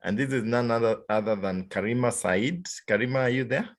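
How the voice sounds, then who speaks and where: A man's voice: mid-range voice, fairly quick. A man hosting an online event over a video call, who thanks his speakers and repeats words with many fillers. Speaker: host.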